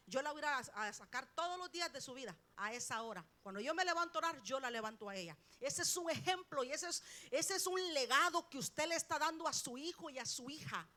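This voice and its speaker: A middle-aged woman preaches from the pulpit, her voice high and bright with a sharp edge. She presses her points hard, jumping from loud emphasis to hushed lines. She keeps turning to the congregation with questions. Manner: emphatic, swings between loud peaks and quiet drops, rhetorical questions. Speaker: preacher, pastor's wife. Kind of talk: sermon. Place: church sanctuary.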